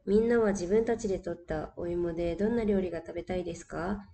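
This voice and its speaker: A woman reading a storybook, voicing a gentle squirrel kindergarten teacher in a calm, reassuring way. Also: lowish voice, fast, gravelly. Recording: distant mic with faint hiss.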